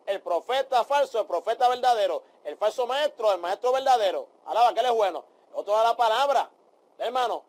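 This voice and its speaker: A man leads a Bible study in a fervent preaching style. His voice sits very high for a man, and he keeps calling out amén and aleluya to his listeners. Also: animated, fairly quick. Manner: addresses listeners as brothers.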